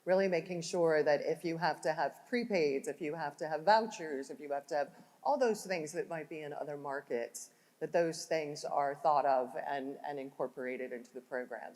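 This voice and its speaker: Low-voiced woman leading a conference panel. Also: steady tone, normal speed, a little mellow. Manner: conversational, filler-heavy. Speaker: panel host. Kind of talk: corporate panel Q&A. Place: conference hall. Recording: hall reverb from room mic.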